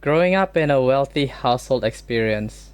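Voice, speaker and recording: A man's voice: mid-range voice, animated, smooth. Joking man arguing on a casual stream. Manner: joking, argumentative, quick exclamations. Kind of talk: casual solo stream chat.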